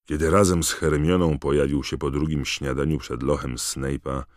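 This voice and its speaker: A male audiobook narrator with an extremely deep, low voice. He reads the story in a measured, even storytelling manner, recorded close and dry with no room sound. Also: no room sound. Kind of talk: scripted narration.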